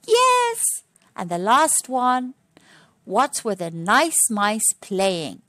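A woman with a fairly high voice reads a picture book aloud as a phonics lesson for young children, stretching out her words with wide swings in pitch. Her tone is sharp and teacherly as she lays out words one at a time and asks her listeners questions. The recording has no echo.

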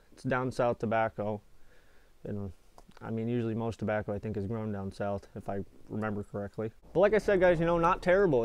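Speaking with dip tucked in his lip, a twenty-something American product reviewer and channel host keeps things laid-back, casual and plain-spoken. His mid-range voice is smooth, with no room sound at all. The setting is a small indoor space with foil-insulated walls.

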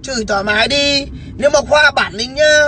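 A man's voice: extremely high pitch, normal speed, sharp tone. A man livestreaming a heated phone call, mocking and swearing at the caller in a sarcastic, taunting way.

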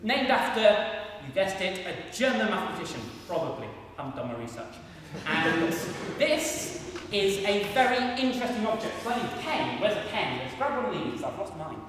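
A high-pitched young man at a moderate pace performs maths live at a variety show, energetic and self-deprecating as he talks with the audience in a large hall. The echoey recording catches him from afar, with a little hiss or hum, and his handheld mic is occasionally laid aside.

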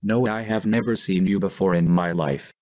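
Deep flat robot staff bot. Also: moderate pace, dry recording. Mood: deadpan. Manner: flat monotone literal replies. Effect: robotic synthetic voice. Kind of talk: video game voice clip.

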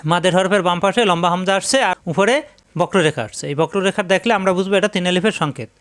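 A man with a high, smooth, resonant voice leads a tajweed lesson. He explains each rule slowly and repeats it. He breaks off into long, chanted recitation of the words he is teaching. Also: fairly even intonation, fairly bright tone.

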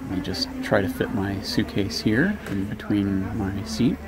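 A man's voice: on the low side, a little slow. A man in his thirties hosting a travel vlog, narrating with wry, joking asides while walking through a city and a train station. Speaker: travel vlogger. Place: busy city streets and a large train station. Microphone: handheld camera at arm's length. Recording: street and station noise behind.

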